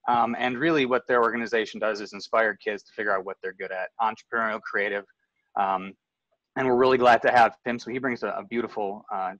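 A man in his thirties with a lowish voice introduces panelists over a video call, relaxed and full of ums and restarts. The sound is dry and a little dull, as from a webcam in a home room. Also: no echo. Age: 30s. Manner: relaxed, many fillers and restarts. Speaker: panel moderator. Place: home room with framed photos on the wall. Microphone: video call webcam, earbud.

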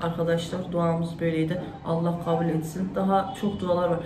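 A woman's voice: on the low side, level tone, brisk. A woman in her thirties, a vlogger, praying aloud and then talking about her feelings, her voice sometimes breaking between tears and laughter. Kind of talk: personal prayer and heartfelt chat. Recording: echoey room with noticeable background noise.

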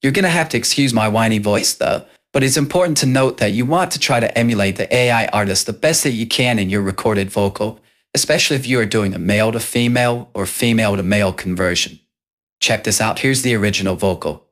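A man hosting a casual software tutorial, explaining step by step. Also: lowish voice, fairly quick. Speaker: tutorial host.

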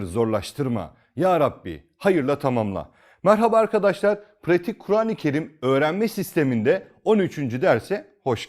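A man's voice: on the high side, darkish tone. A man teaching Quran reading in a recorded lesson, asking himself questions, repeating key phrases and drawing out example recitations.

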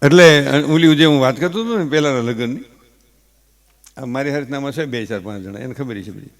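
A man with a Kathiawadi Gujarati accent, a stage comedian mixing folksy, animated stories with earnest advice. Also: mid-range voice, fairly quick. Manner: folksy, animated storytelling with gestures; earnest advising. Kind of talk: humorous stage talk with advice.

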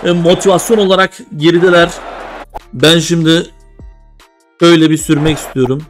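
A man's voice: on the high side, fairly even intonation, moderate pace, soft background music. A young man commentating a mobile football game, groaning at setbacks and cheering at goals as he talks to himself. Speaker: gaming video creator. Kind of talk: excited gameplay commentary.

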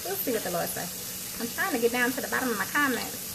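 A playful cooking show host chats with her livestream viewers, calling them y'all, while she cooks in her home kitchen. Her somewhat high, sing-song voice moves fast and is picked up by a phone on a small tripod about arm's length away. Frying grease sizzles clearly around her, making the background noisy.

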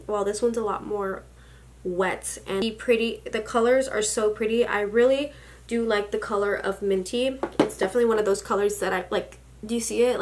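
A beauty vlogger in her twenties gushes through a makeup haul, chatty and full of likes, fillers and excited exclamations. Her voice is mid-range. She sits at a desk in a small room at home, recorded by a camera a little way off.

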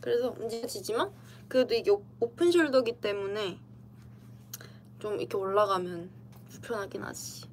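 Livestreaming from indoors on a computer mic, a young idol streamer with a Korean dialect accent responds to comments in a playful, giggly, casual way. Her mid-range voice is a little mellow, moving at a moderate pace with frequent pauses, and there is a slight hiss or hum.

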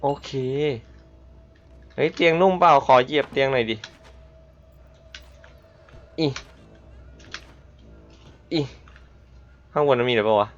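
A man's voice: mid-range voice, lively intonation, slow pace, long pauses. A man streaming a horror game, muttering tensely to himself and yelping when startled. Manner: tense whispery muttering, sudden startled yelps. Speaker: gameplay streamer. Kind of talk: live reactions while playing a horror game. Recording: dull lo-fi sound with faint hiss.

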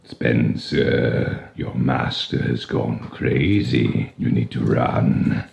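Gravelly man teasing his co-host. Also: rumbling low, fairly even intonation, extremely slow, a little mellow. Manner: teasing, laughing interjections. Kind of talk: casual banter. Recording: clear background noise.

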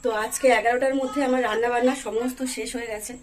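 Background noise accompanies a woman's very fast, steady, slightly high voice as she narrates a casual cooking vlog from her village home. Chatting to her viewers, she feeds animals, cooks, and explains each step.

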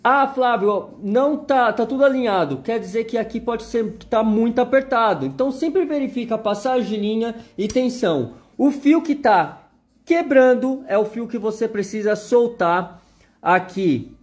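A man's voice: extremely high pitch, lively intonation, normal speed, darkish tone. A man with a Brazilian Portuguese accent giving a chatty live sewing machine demonstration, constantly pointing things out to viewers.

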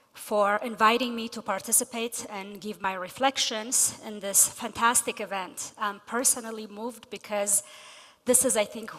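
Bright-voiced woman giving a hall speech. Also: medium pitch. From Ethiopia. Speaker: guest speaker. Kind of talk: prepared speech read from notes. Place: large convention hall stage. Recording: long reverb of a big hall.

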